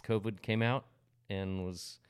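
Low-voiced man muffled by a face mask. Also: steady tone, slow pace, clean tone, soft background music. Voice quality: slightly muffled, speaking through a face mask. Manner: self-deprecating, joking. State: tired, recovering from covid. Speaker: podcast host. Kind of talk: casual podcast chat.

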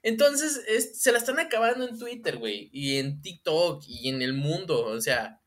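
A man's voice: on the high side, normal speed. A man with a Mexican accent co-hosting a casual comedy chat, swearing and laughing often. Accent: Mexican Spanish. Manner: animated, profane, laughing often. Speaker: podcast co-host.

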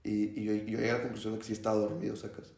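A man's voice: lowish voice, racing, vocal fry, roomy sound. Young guy telling a story. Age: young adult. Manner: animated storyteller, acts out shouts and quotes. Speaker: student. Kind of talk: casual storytelling chat.

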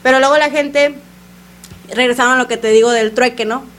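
Slangy Mexican woman, high voice. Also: fairly even intonation, brisk, fairly bright tone. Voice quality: slangy, laughs often. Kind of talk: casual chat.

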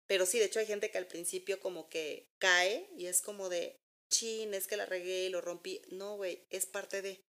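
A woman's voice: mid-range voice, fairly even intonation, normal speed, a bit bright. A woman with a Mexican accent chatting casually and giving encouraging advice. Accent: Mexican Spanish. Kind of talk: casual chat.

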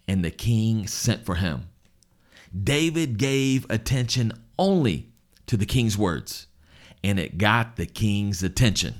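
A man with a fairly low voice delivers a sermon. He reads scripture aloud and then drives his points home with emphatic repetition. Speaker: preacher.

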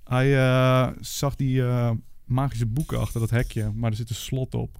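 A man's voice: mid-range voice, flat delivery, a little slow, a little mellow, clear, resonant tone. A young man co-hosting a casual podcast, recapping a TV episode from his notes with jokes and laughter. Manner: reads notes aloud, joking, laughs easily. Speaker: podcast co-host.

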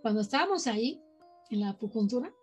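Animated Mexican woman telling a story. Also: a little high, fast talker, breathy edge, faint music behind. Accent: Mexican Spanish. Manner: animated storyteller acting out quoted voices. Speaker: podcast guest sharing paranormal experiences. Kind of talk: casual storytelling chat.

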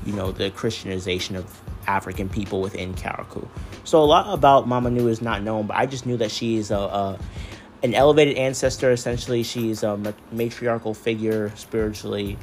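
A man hosting a story podcast, moving between scripted narration and casual talk as the author. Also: lowish voice.

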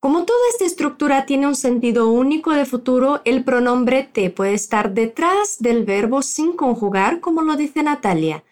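A woman teaching a language lesson with a fairly high, very lively voice that rises and falls a great deal. She explains each point clearly and then says the example phrases slowly and carefully so the listener can repeat after her. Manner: slow, carefully spoken model phrases for the learner to repeat.

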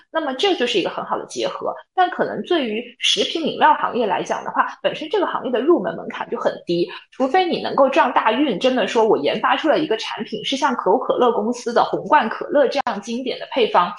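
Lively higher-pitched woman, echoey room. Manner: measured, explains point by point. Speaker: podcast co-host. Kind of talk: casual analytical chat.

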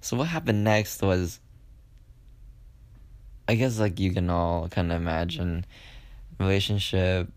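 A man's voice: low voice, measured pace, pauses often, no room sound. A young man casually telling a personal story on a podcast, rambling with lots of fillers and acting out what people said. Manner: rambling, with many fillers and acted-out quotes.

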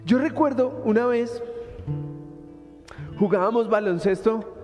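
High-voiced Colombian preacher in a hall. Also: male voice, unhurried. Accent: Colombian Spanish. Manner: colloquial, animated storytelling. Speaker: pastor. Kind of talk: sermon. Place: church hall. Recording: hall reverb with soft instrumental music.

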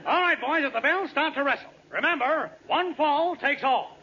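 A man's voice: very high voice, moderate pace. An actor playing a boastful tough-guy wrestler who taunts gleefully in a 1940s radio comedy. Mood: cocky. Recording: muffled, noisy old radio recording.

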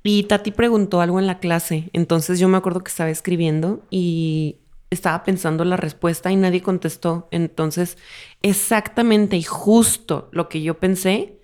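A woman, co-hosting a podcast in casual chat. Her voice sits a little low. She tells stories playfully and quotes herself as she goes. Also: steady tone, moderate pace, a little mellow. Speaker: podcast co-host.

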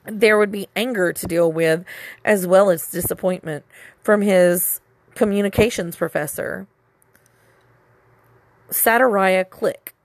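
A woman narrating a novel as an audiobook in a measured, steady storytelling delivery. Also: medium pitch, no echo.

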